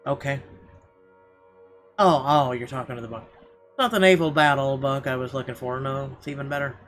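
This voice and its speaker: A let's play host reads game narration aloud over game music, dropping in wry, sweary off-the-cuff asides. His voice is medium-pitched, quick-paced and a bit bright.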